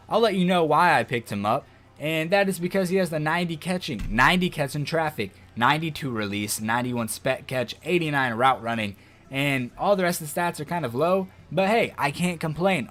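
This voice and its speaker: Excitable man doing football game commentary. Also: fairly high pitch. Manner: excitable, loud outbursts over game plays. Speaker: gaming video host.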